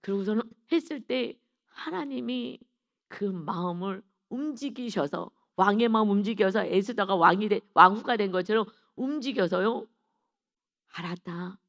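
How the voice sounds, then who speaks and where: Gravelly middle-aged woman preaching. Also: medium pitch, animated, moderate pace, fairly bright tone. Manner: earnest, emotional storytelling with rhetorical asides to the congregation. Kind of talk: dawn sermon with personal testimony.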